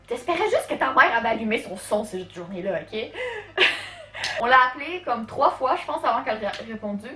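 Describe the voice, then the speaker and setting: A woman's voice: fairly high pitch, big pitch swings, a little fast, bright, forceful tone. A woman from Canada with a Quebec French accent, telling a casual storytime in a chatty way, full of fillers. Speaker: vlogger. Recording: echoey room, faint music.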